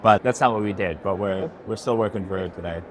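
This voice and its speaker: A young man with an Irish accent, born in America but raised in Ireland, talks casually as a startup founder being interviewed for a podcast. His voice sits low and moves quickly, with a little hiss or hum. It was recorded in person at an indoor event venue.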